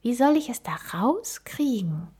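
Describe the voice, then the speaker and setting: Woman doing a high, eager little gorilla girl. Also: sing-song, measured pace, darkish tone, breathy edge, full character voice. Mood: grumbling. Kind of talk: storybook reading.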